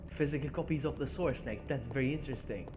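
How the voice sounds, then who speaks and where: A fast-talking young man with a medium-pitched voice streams a game with music playing behind him. He keeps up casual, chatty commentary, laughing often, reading and responding to chat, and muttering to himself as he plays.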